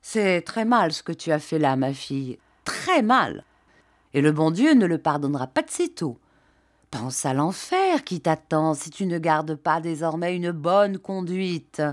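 A woman's voice: sits low, expressive, a little slow, no echo, studio quality. A woman reading an audiobook, voicing a male village priest who delivers a moralizing little sermon. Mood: stern preaching. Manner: preachy, moralizing.

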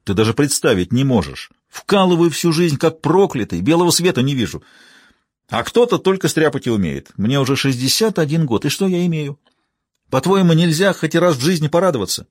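A man's voice: on the high side, sing-song, fairly quick, no echo, clean studio sound, voice pushed up. A male narrator voicing a stubborn, self-pitying father of sixty-one in an audiobook. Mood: bitter. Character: defensive 61-year-old father, bitter and stubborn.

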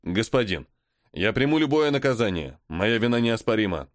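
A man voicing a guilty senior sword master who answers his lord humbly and quietly. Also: big pitch swings, normal speed, no room sound, studio quality. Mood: contrite. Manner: quiet, humble, low-voiced. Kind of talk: audiobook character voice.

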